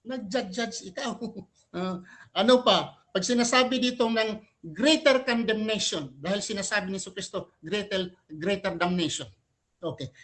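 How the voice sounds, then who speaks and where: A man's voice: sits high, fairly bright tone. A man arguing his side in a religious debate. He speaks emphatically, switches between two languages and keeps throwing in rhetorical questions. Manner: switches between Tagalog and English mid-sentence. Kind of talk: live religious debate argument.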